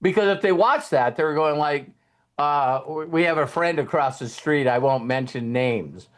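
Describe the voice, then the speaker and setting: This slightly high-voiced man hosts a motivational talk for a group at a measured pace. His style is relaxed and conversational, and he frequently makes sure the audience is keeping up.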